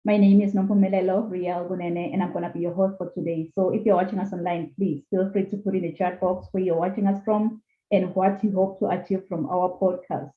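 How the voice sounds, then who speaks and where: Woman podcast host, low-ish voice, upbeat and welcoming, tinny echoey call line. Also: little pitch movement, brisk. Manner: upbeat, welcoming, formal reading of a disclaimer. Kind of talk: online talk show hosting.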